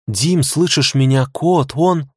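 A man's voice: a little high, takes it slowly, husky, no echo, clean studio sound, pitched above the performer's own voice. A man voicing a startled young woman in an audiobook, stammering anxious questions. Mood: alarmed. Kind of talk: audiobook character voice.

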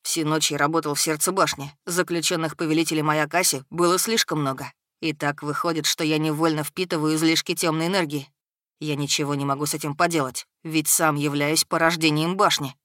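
A woman voicing a timid boy who is a dark tower spirit, speaking in a hesitant, subdued way. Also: sits low, steady tone, brisk, dry recording, clean studio sound.

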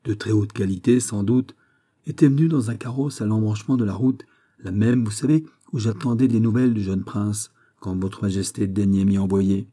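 Brief: male reader as a sly, plotting duchess in an audiobook, dark and husky. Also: lowish voice, steady tone, moderate pace, natural voice. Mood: insinuating. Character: scheming older duchess, sly and insinuating.

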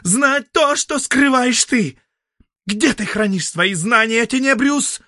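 A man voicing a desperate, furious woman with a shrill, pleading, shouting delivery. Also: slow, dry recording, clean studio sound, exaggerated voice. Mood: frantic. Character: desperate, furious woman seeking forbidden knowledge. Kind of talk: audiobook character voicing.

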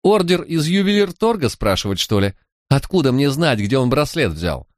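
A man's voice: medium pitch, big pitch swings, moderate pace, no echo, studio quality, voice pushed up, close to an everyday voice. A man voicing a streetwise young woman thief, sulky, stubborn and full of defiant slangy back talk. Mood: defiant whining.

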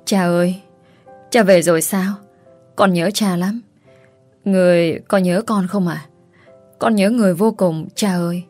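A man's voice: sits high, steady tone, measured pace, pauses often, a little mellow, soft background music. A man voicing a tearful little boy pleading with his mother in an audiobook. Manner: sobbing, pleading. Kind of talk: audiobook character reading.

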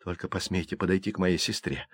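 A man plays a stubborn schoolboy facing bullies, his voice low and guarded. The reading is dry and close. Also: fairly even intonation, fast talker, slightly rough, no room sound. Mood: defiant. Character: Jason, stubborn schoolboy defending his sister.

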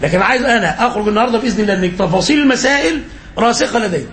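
An Egyptian man teaches an Islamic lesson as a sheikh, talking quickly in a high voice. He quizzes his listeners and fills in the answers himself. Faint noise sits behind him. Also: expressive, fairly bright tone. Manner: repeats phrases for emphasis.

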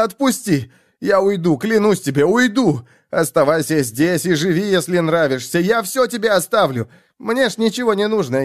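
A man's voice: high voice, pitched above the performer's own voice. A man voicing a panicking young man tied up over a fire, screaming, begging and threatening in pain. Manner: screaming, pleading hysterically. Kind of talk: audiobook character voice.

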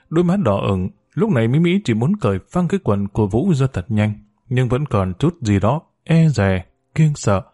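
A man narrating a serialized story in a steady, measured audiobook reading. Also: mid-range voice.

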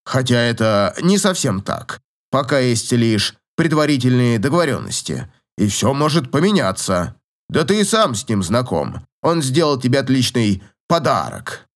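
A man voicing a gruff, teasing old professor in an audiobook, grumbling and chuckling in a slow drawl. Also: medium pitch, sing-song. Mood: wry. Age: older.

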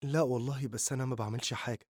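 A man's voice: medium pitch, fairly even intonation, racing, a little mellow, no room sound, studio quality, close to an everyday voice. A man voicing a shy, caring Egyptian teenage girl. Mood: sincere. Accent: Egyptian Arabic. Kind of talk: audiobook reading.

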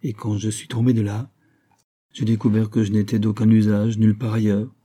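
A resigned, gentle young woman of means who has given up, read by a man in his own dark, husky voice. She speaks softly, as in an audiobook reading. The tone stays low and mellow throughout. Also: flat delivery, fairly quick, natural voice.

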